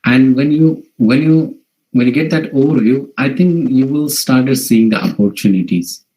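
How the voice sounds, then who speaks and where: A man from India, a native Marathi speaker with a Marathi accent, gives an informal online presentation in a halting way, often repeating and rephrasing. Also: medium pitch, mellow, rough recording. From Maharashtra, India. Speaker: workshop presenter. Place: video call.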